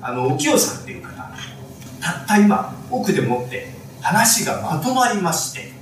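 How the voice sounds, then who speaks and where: A man performing amateur rakugo with a hesitant, halting delivery. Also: high voice, sing-song, slight background noise. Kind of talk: rakugo storytelling. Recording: distant mic in echoey hall.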